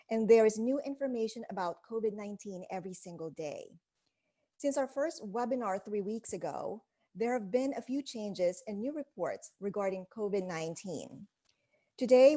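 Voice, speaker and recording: A woman's voice: mid-range voice, mellow. Woman hosting a webinar on a video call. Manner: polite, announcing in a clear formal way. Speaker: association president hosting a webinar. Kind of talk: formal opening announcements.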